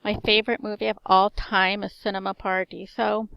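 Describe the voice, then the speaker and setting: A woman in her forties who teaches introduces herself briskly in a mid-range, gravelly yet clean-toned voice that is strong and carries, with slightly slurred S sounds. She lists things in short, even phrases. There's no echo, but the highs are cut off.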